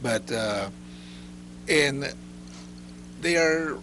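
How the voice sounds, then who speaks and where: A man's voice: mid-range voice, lively intonation, extremely slow, background noise. A man hosting an interview, asking questions and giving short affirmations. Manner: warm backchannels, short affirmations. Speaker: interview host. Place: recording studio.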